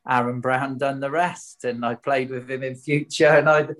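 A man's voice: mid-range voice, level tone, normal speed, fairly bright tone. Candid man with a Wiltshire accent. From Swindon, England. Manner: candid, self-questioning, colloquial. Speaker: former footballer, interview guest. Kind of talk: casual anecdotal interview chat.

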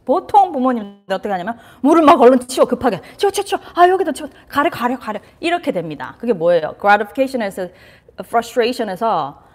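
Woman, casual parenting talk, quizzes listeners, long echoey reverb. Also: medium pitch. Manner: lively, asks the audience questions, drops in English terms. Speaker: parenting and anxiety educator. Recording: reverberant room.

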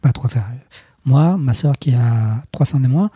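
A man's voice: mid-range voice, measured pace, mellow, husky, no room sound. A man in his thirties from Colombia, a guest recounting a personal story hesitantly, with many fillers and restarts, in a dry, close recording. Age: 30s.

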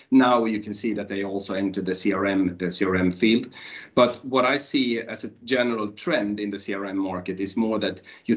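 Lowish-voiced man on a panel, dull audio. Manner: halting, repeats words. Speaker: company executive, panelist. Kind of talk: unscripted panel discussion. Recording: dull lo-fi sound.

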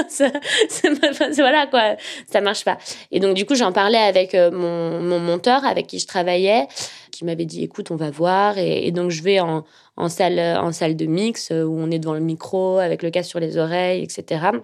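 A young woman speaks with a slightly nasal tone pitched a little low. She recounts her experiences calmly, pausing often and filling gaps with hesitations. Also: gravelly. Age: young adult. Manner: thoughtful, many fillers and hesitations. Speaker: journalist. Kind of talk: casual personal storytelling.

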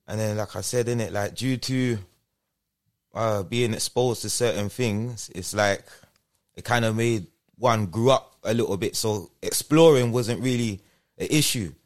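A man with a London roadman accent talks in a fairly low voice as an interview guest. His style is casual street slang. He keeps adding little tags to check the listener follows. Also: a little slow. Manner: repeats checking tag phrases.

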